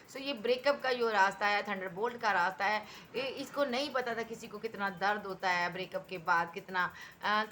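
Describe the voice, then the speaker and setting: A woman's voice: a little high, sharp tone, a little hiss or hum. A woman giving a tarot reading, talking emphatically and repeating herself as she addresses the viewer directly. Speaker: tarot reader.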